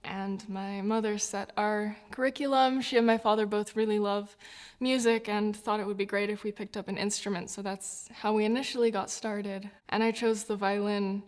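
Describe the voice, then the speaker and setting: Here her mid-range voice is flat and delivered at normal speed. The violinist, in her twenties, New Zealand-born and US-raised, speaks reflectively for a documentary interview and laughs frequently.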